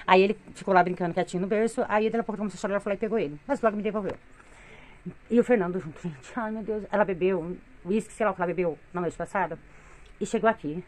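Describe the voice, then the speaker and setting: Her voice mid-range, a middle-aged woman with a Brazilian Portuguese accent grumbles wearily into her phone for a casual vlog filmed in her living room. She's a vlogger with three kids.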